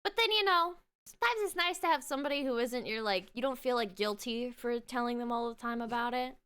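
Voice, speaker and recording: High, bright-voiced young woman streamer chatting. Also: brisk, smooth. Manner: chatty, talks to her dog and to chat. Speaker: live streamer. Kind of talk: casual live-stream chat.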